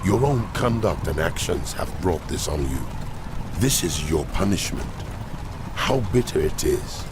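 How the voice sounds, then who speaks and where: A man's voice: sits low, expressive, unhurried, noisy background. An actor playing God as a solemn, commanding and wrathful male deity in a dramatized scripture reading. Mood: grave judgment. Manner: solemn, authoritative, declamatory.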